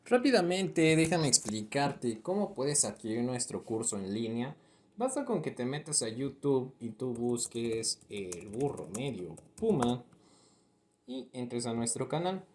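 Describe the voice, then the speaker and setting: A man from Mexico teaching an online exam-prep lesson, explaining step by step, spelling out syllables slowly and checking in with "¿ok?". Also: mid-range voice, darkish tone.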